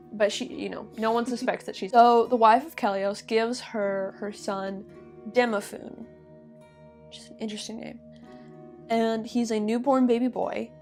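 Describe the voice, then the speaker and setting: A young woman co-hosting a casual chat and retelling an old myth in her own loose words. Her pitch sits in the middle, and she chats along with frequent fillers and little laughs. Faint music runs quietly behind her voice. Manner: chatty, laughing, many fillers. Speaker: podcast co-host retelling a myth.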